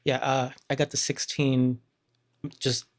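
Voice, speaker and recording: A man's voice: medium pitch, level tone, takes it slowly. A man giving casual answers as a panelist in a tech discussion.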